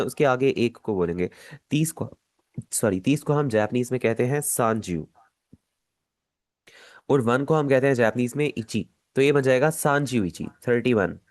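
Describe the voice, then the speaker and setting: A man with a Pakistani Urdu accent, teaching an online language lesson, patient and repeating each step slowly. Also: medium pitch, darkish tone, no room sound.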